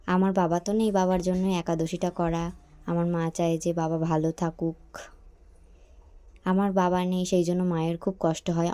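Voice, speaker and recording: A woman's voice: on the low side, mellow. A young woman, chatting casually to her viewers in a family vlog. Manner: chatty, talks straight to viewers. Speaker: vlogger.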